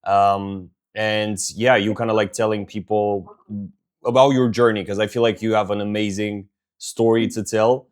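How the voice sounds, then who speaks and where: A male host with a slightly low voice chats loosely with his guest. He strings his sentences together with casual fillers and a friendly, chummy ease. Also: fairly even intonation, moderate pace, smooth. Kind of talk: casual interview hosting.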